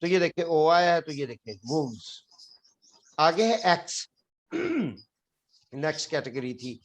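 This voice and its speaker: A man's voice: fairly high pitch, measured pace. A man teaching an English spelling lesson in a classroom, explaining patiently and repeating each word. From Pakistan. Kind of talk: classroom lecture.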